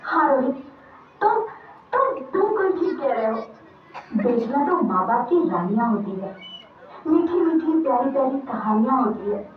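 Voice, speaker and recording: Woman doing a caring young wife, very high voice, earnest, tinny and echoey from far off. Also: big pitch swings, moderate pace, pauses often, a little hiss or hum. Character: young wife, gentle and concerned. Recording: echoey room from far off, tinny phone-like sound.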